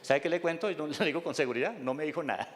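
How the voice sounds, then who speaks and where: A man's voice: a little high, racing. A male pastor preaching, often quizzing the congregation with call-and-response questions. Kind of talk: sermon. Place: church hall. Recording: long reverb of a church hall.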